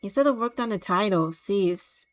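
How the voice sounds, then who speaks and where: A woman's voice: mid-range voice, fairly even intonation, normal speed, a bit bright. A woman streamer giving snarky, dismissive running commentary on a games showcase. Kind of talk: casual mocking commentary.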